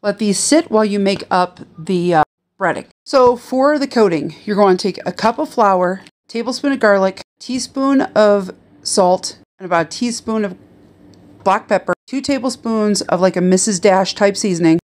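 Speaking at a moderate pace with a medium pitch, this retired chef from the American Midwest is middle-aged and filming a cooking video at home, phone held near her in the kitchen. She's talkative, lively and keen to teach.

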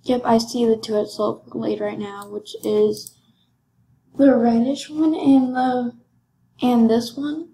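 A woman's voice: fairly high pitch, fairly even intonation, takes it slowly, warm tone, roomy sound, slight background noise, rough recording. A young woman chatting casually while playing a horse game, rambling and joking about being broke, her voice a little cracky. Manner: chatty, rambling, self-deprecating. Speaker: gaming vlogger.

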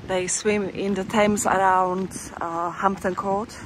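A woman chats her way along a riverside walk with a playful, musing manner. Her voice sits at an ordinary middle pitch for a woman. Passing traffic and outdoor bustle come through clearly behind her. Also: level tone, slow pace, poor audio. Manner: chatty and playful, musing aloud. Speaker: walking tour vlogger. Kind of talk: casual walking commentary. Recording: outdoor recording with street noise.

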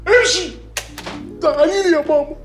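A man's voice: extremely high pitch, brisk, a bit bright, faint music behind. An actor playing a childish Egyptian man who whines and sulks comically over his late mother's remote. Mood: whiny. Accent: Egyptian Arabic. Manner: whiny, sulky and comically petulant. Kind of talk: comedy film acting.

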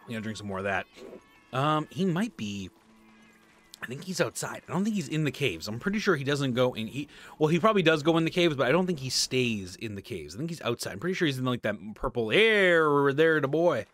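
This is casual gameplay commentary from a thirty-something streamer at his home desk, a bit congested and prone to rambling. He speaks a little fast in a sing-song, mid-range voice with a slightly bright quality.

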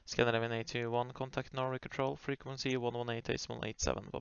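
A man's voice: medium pitch, flat delivery, fast talker, creaky, clean tone, dry recording. A man working as an air traffic controller, giving clipped, polite procedural calls over the radio. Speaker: air traffic controller on a flight simulation network. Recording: muffled lo-fi radio audio.

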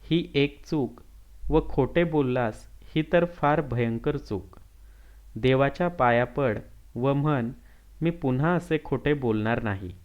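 A man's voice: medium pitch, slow, muffled recording, close to an everyday voice. A man voicing a stern but loving village mother who scolds firmly and evenly.

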